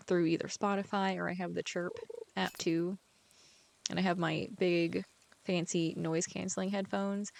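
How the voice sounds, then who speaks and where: A woman's voice: lowish voice, vocal fry. A woman chatting casually while she plays a game, rambling from thought to thought with lots of "like" fillers and sometimes dropping almost to a whisper. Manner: rambling, chatty, heavy use of "like". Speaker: author playing a farming game. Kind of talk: casual gameplay chat.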